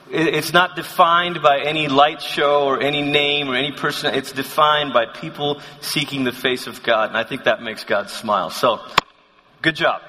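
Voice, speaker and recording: Bright-voiced guy from malaysia, chatty sermon vibe, lots of self-deprecating restarts, hall echo. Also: on the high side. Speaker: conference speaker. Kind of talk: sermon, personal storytelling. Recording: long hall reverb.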